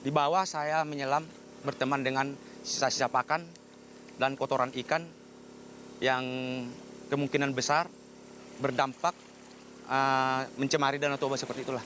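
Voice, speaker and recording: A man's voice: medium pitch, flat delivery, normal speed, long pauses, background noise. Hesitant man recounting, many fillers. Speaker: former diver, interviewee. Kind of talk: interview testimony. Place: outdoors by a lake.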